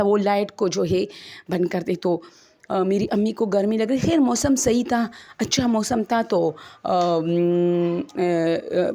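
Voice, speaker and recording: A woman's voice: medium pitch, mellow. A woman, chattily retelling a first-person ghost story to her listeners as friends and acting out the quoted dialogue.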